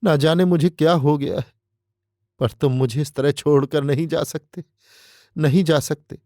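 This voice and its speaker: A man's voice: fairly high pitch, fairly even intonation, measured pace, dark tone, no echo, clean studio sound, close to an everyday voice. A man voicing a choked, distraught married woman. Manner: choked, breathless pleading. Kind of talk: audiobook character reading.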